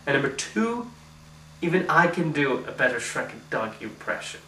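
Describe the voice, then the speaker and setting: A man's voice: fairly high pitch, big pitch swings, normal speed, sharp tone. A man narrating a scripted film review in a dry, sarcastic way. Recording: roomy echo.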